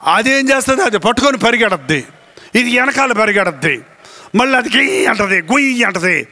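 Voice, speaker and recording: A male pastor giving a lively sermon with a Telugu accent, acting out family quarrels as he goes. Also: high-pitched, a little fast. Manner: animated storytelling, acts out family quarrels.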